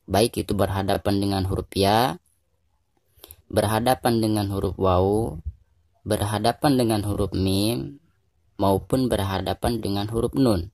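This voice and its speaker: Man, Indonesian accent, low voice, dry close sound, patient tajwid lesson, drawn-out chanted examples. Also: creaky, a little mellow, no room sound. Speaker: Quran recitation teacher.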